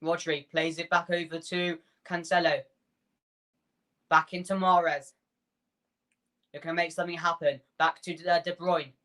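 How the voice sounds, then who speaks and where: A man hosting a fan watchalong, calling the match player by player in quick bursts and chatting with his viewers between the action. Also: fairly high pitch, level tone, bright, forceful tone. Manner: rapid player-by-player calls, chatty asides to viewers. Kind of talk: live play-by-play fan commentary.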